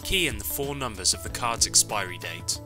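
A man's recorded automated phone payment prompts, measured and instructional, telling the caller which keys to press. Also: fairly low pitch, expressive. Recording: clear background music.

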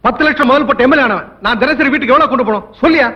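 Casting: arrogant crooked politician, film melodrama, quick-fire haughty delivery, muffled lo-fi soundtrack. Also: male voice, very high voice. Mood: brazen, scornful. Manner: haughty, scornful, long rhetorical lists. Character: corrupt, arrogant government minister, cynical male politician. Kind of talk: dramatic Tamil film dialogue.

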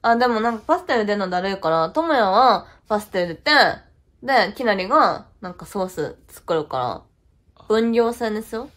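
A woman's voice: mid-range voice, expressive, a little fast, lightly acted. A woman playing a blunt, teasing young woman who used to chase host clubs, in a comedy sketch. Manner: blunt, teasing, casual slangy talk.

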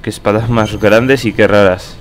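A man's voice: fairly low pitch, fairly even intonation, normal speed. A young man with a Spain Spanish accent, giving casual let's-play commentary. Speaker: gaming video host.

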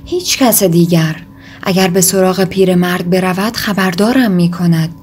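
A woman voicing an agitated, desperate young man in an audiobook reading, with intense outbursts that rise in pitch. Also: a little mellow, slightly rough. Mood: brooding.

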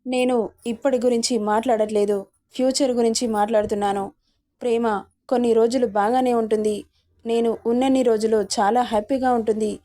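Mellow-voiced woman narrating a romance story. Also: on the high side, steady tone, a little fast. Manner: reads all the characters' lines in her own voice.

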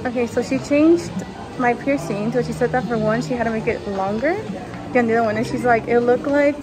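Young woman vlogger, somewhat high voice, chatty and giggly, handheld camera on the move, music under her. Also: rough recording. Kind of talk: casual vlog chat to camera. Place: home kitchen, then streets, subway station and shops. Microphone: handheld camera at arm's length.

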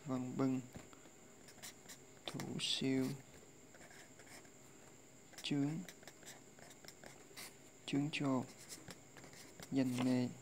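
A tutor gives a casual lesson, slowly reciting and repeating readings as a drill. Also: mid-range voice, flat delivery, a little hiss or hum. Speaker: language tutor.

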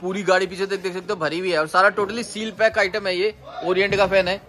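Indian man, 30s, slightly high voice; casual wholesale-seller vlog host, brisk sales patter, handheld phone walkaround in a warehouse. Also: flat delivery, sharp tone, slight background noise. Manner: brisk salesman pitch, addresses viewers as guys. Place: large warehouse and loading yard, partly outdoors. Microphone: handheld phone selfie camera, moving around.

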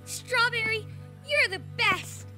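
A blunt, rowdy little cartoon girl with a very high, bright voice. She speaks at an unhurried pace and has a quick temper that turns sheepish. Light music plays softly behind her. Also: exaggerated voice. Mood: eager. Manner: blunt and rowdy, learning politeness. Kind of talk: children's cartoon voice acting.

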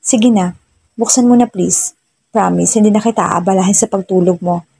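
A woman's voice: mid-range voice, normal speed, creaky, mellow, breathy edge. A woman voicing a frightened, pleading young wife. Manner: pleading, whiny. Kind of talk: storybook narration.

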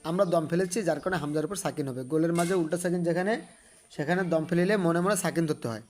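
A man teaching a Quran reading lesson in a patient, measured voice. He names each letter and vowel sign one at a time. Then he draws out the joined syllables in a sung recitation tone. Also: fairly high pitch, a little mellow, slight background noise.

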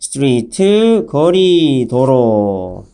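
Slow, lively male phonics teacher. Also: mid-range voice, gravelly, smooth. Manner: spells words letter by letter, with a pun now and then. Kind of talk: slow, clear vocabulary lesson.

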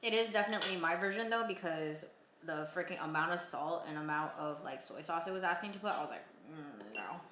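A woman's voice: on the low side, fast, noisy background. A woman in her late twenties chatting casually in a home vlog, often laughing. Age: late 20s. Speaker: vlogger.

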